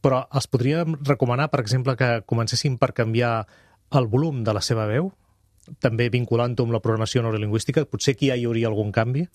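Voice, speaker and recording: A man hosting an interview, asking measured, formal questions with a light joking touch. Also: mid-range voice, a little mellow, no echo, studio quality. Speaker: radio interviewer.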